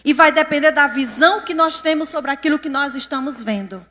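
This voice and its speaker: A woman's voice: sits high, fairly quick, bright, forceful tone. A woman giving a lecture to an audience in a council chamber, often asking the audience questions. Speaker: speaker at a public event. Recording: long hall reverb.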